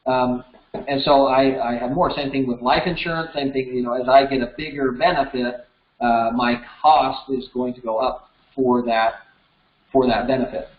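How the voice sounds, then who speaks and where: A steady-toned, medium-pitched American man in his thirties leads a conversational lesson at a moderate pace, explaining each step in turn as an instructor. There's a roomy echo, and the audio sounds a bit dull.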